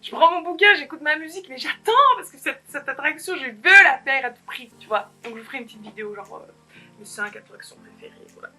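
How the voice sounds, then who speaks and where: Alone at home, a young vlogger giggles and rambles to the camera during a casual haul, often joking at her own expense. Her high-pitched voice is expressive, a little fast, bright, and forceful, with faint music behind.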